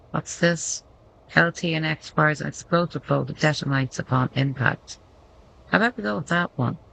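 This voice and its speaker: A woman talks through her gameplay at a slow, easy pace, reading menu text aloud as she thinks. Her voice is bright and tense, with a gravelly fry underneath. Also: deep voice, slight background noise, low-quality recording. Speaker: gameplay commentator. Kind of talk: casual gameplay commentary.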